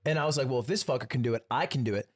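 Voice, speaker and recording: A man's voice: medium pitch, rapid-fire. A man on a podcast, teasing dryly in casual banter. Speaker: podcast regular.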